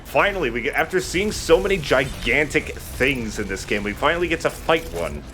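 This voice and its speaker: A let's play host offers casual, dryly joking commentary on a video game, using informal wording and a bit of mild swearing. His voice sits on the high side and has a sing-song lilt, and he talks a little fast. Background noise is clearly audible in the recording.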